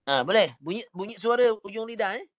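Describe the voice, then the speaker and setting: A man's voice: high-pitched, expressive, fast talker, dry recording. A man with a Malaysian Malay accent teaching an online Quran recitation lesson, patiently repeating short drills and corrections over a video call.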